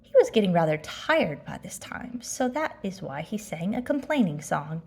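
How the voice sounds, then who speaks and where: Female children's story reader: animated, expressive delivery with wide pitch movement. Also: moderate pace, gravelly, husky. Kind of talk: expressive children's read-aloud narration.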